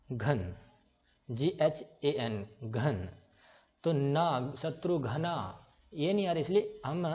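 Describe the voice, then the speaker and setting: A man with a medium-pitched, darkish voice teaches online, showing how to write names in English letters by patiently splitting words up and spelling each one letter by letter. The lo-fi recording sounds slightly dull.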